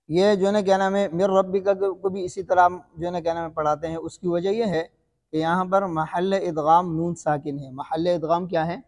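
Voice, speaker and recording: A man teaching Quran recitation rules in a lesson, who keeps asking his students questions, answers them himself, and slowly draws out example recitations. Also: high-pitched, darkish tone, big-room sound. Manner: slow, drawn-out demonstration recitations. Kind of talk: classroom-style recitation lesson.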